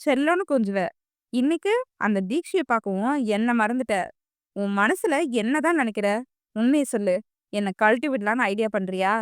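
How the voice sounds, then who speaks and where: A woman's voice: fairly high pitch, lively intonation, moderate pace, smooth, dry recording, studio quality, close to an everyday voice. A woman voicing a possessive, scheming teenage girl who snaps and accuses in an audiobook. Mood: accusing. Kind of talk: audiobook character voice.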